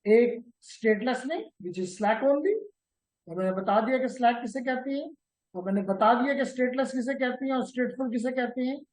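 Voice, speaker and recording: A man's voice: very high voice, normal speed, poor audio. A man teaching a live networking class. He slips English technical terms into his explanations, repeats key terms and keeps checking whether students follow. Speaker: networking instructor.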